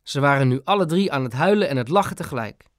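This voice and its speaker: Male audiobook narrator, fairly high voice, calm and clear; bone-dry close recording. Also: fast talker, no echo. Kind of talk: scripted narration of a children's book.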